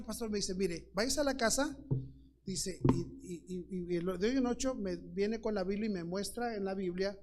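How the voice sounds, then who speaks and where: A man's voice: high voice, gravelly, slight background noise. A middle-aged man with a Mexican accent, a pastor preaching a Sunday school sermon and acting out the voices in his story, calling his listeners brother. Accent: Mexican Spanish. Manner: acts out dialogue in lively voices, addresses listeners as brother.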